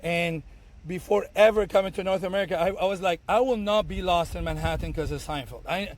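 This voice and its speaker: On a casual podcast, a bartender from Tunisia in his thirties, whose first language is Arabic, talks fairly quickly in a lively storytelling style. He reenacts his own past lines and frequently starts over. His voice sits slightly above the usual male range.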